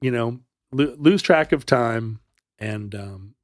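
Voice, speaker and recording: A man's voice: medium pitch, slow pace, no echo, clean studio sound. A man co-hosting a podcast, telling a history story in a casual, playful way with joking asides. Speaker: podcast co-host.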